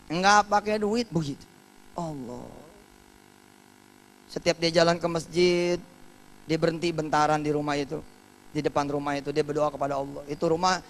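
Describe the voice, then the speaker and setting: A male preacher giving a televised sermon as a story, moving from hushed telling to fervent exclamation. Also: on the high side.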